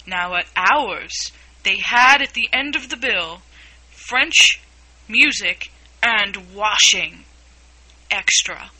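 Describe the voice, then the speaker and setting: A woman voicing a gloomy male Mock Turtle who sighs and sobs, speaking slowly and mournfully in a storybook reading. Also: medium pitch, animated, sharp tone, full character voice, poor audio. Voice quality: slow, mournful delivery.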